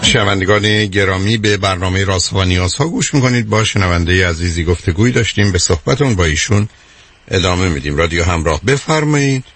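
A man hosting a radio counseling call-in show, speaking calmly and unhurriedly and addressing the caller fondly. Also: deep voice, faint music behind.

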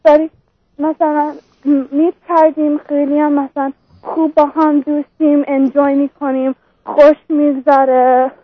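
A woman's voice: high-pitched, little pitch movement, dry recording, phone-quality sound. A young woman calling an advice show, talking emotionally and pleading, full of fillers. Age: young adult. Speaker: caller. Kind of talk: call-in conversation.

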